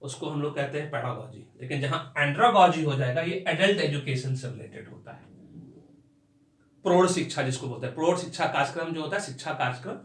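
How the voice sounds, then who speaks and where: A man's voice: a little high, fairly bright tone. Man teaching English words in an echoey room. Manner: explains slowly, spells words out letter by letter. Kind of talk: vocabulary and pronunciation lesson.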